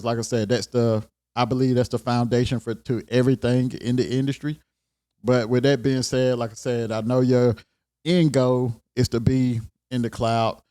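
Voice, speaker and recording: A man hosting his own show, giving relaxed, conversational career advice with a regional American accent and plenty of repetition. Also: mid-range voice. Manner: relaxed, conversational, repeats himself. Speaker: host. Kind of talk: casual career advice talk.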